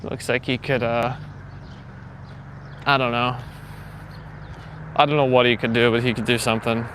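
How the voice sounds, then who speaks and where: This man's medium-pitched voice barely moves in pitch and runs at a normal speed against background noise. He's a livestream host on a morning walk outdoors, chatting casually, rambling with many fillers and reading his chat aloud to answer it.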